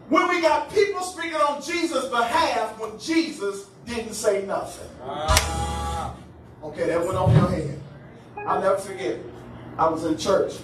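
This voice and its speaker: A man preaching a lively sermon as pastor, calling on his congregation, often laughing and breaking into shouts. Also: sits high, noisy background. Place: church sanctuary. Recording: echoey hall, voice from far off.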